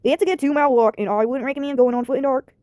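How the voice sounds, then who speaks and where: A woman's voice: sits high, very fast, mellow, no echo, studio quality, natural voice. A woman voicing an easygoing, teasing small-town bar owner in a story game. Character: easygoing small-town barkeeper man, joking.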